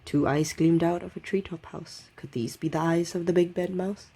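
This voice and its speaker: A woman's voice: fairly low pitch, fairly even intonation, moderate pace, dark tone, slightly rough. A woman narrating a rhyming children's story with a rhythmic read-aloud delivery. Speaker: storybook reader.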